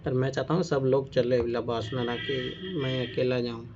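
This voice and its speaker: A man's voice: mid-range voice, flat delivery, normal speed, noisy background. A man teaching a casual exam-coaching class, emphatic and repetitive, often teasing his students. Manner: emphatic and repetitive, keeps saying "look now"; chatty, teases students. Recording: dull lo-fi recording.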